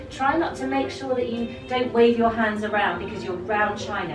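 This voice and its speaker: A woman teaching etiquette to a young group, prim, polite and gently encouraging. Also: medium pitch. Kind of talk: instructional talk to a young group. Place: echoey indoor tea room with clinking china. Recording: echoey room, distant mic, loud music, clinking dishes.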